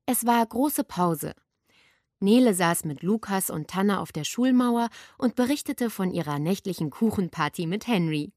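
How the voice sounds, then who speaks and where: A woman reading a children's book aloud with expressive storytelling. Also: mid-range voice, unhurried, dry recording, studio quality. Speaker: audiobook reader.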